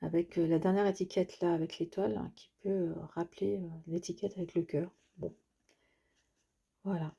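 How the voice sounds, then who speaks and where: A woman's voice: fairly low pitch, fairly even intonation, normal speed, gravelly, warm tone, slightly rough. A woman chatting casually to her viewers as she unboxes craft items, hesitating often with filler sounds. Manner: chatty, addresses the viewer directly. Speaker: craft vlogger.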